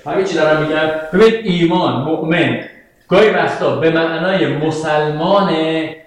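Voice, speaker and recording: A high-voiced male religious teacher gives a class on Quranic verses, often pausing to put questions to his listeners. He recites the Arabic verses slowly, and the room is very echoey.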